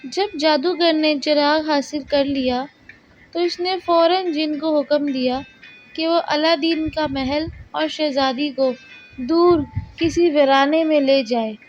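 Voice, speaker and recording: Reading a scripted children's tale, this storyteller speaks slowly in a high voice with fairly even intonation. Soft background music accompanies her slightly dull, lo-fi narration track.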